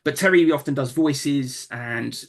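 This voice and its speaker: A man with a London accent, a comedian telling stories in a casual interview, relaxed with many fillers and restarts. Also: mid-range voice, measured pace. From England. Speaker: comedian guest.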